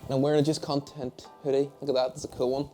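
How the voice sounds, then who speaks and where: Talking fast with a dark tone and little pitch movement, this nineteen-year-old man from Derry speaks in a Northern Irish accent and a mid-range voice. As an esports head of media, he chats casually to camera from his home office in a Q and A about the work, rambling and poking fun at himself over soft background music.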